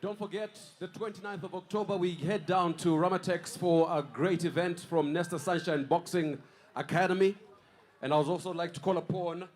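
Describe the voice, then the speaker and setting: Man, boxing ring announcer, raised pitch. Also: steady tone, normal speed.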